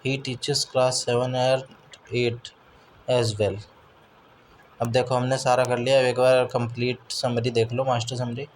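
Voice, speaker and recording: Slow, methodical man teaching English. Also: mid-range voice, level tone, slight background noise, low-quality recording. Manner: reads English example sentences slowly, explains rapidly in Hindi; keeps asking "है ना?" to check understanding. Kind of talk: spoken English lesson in Hindi.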